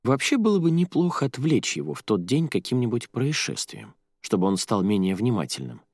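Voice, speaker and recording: A man reading the part of a sharp-tongued young woman student, with quick sarcastic retorts, in an audiobook. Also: mid-range voice, big pitch swings, slightly rough, no echo, studio quality, voice pushed up. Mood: wry.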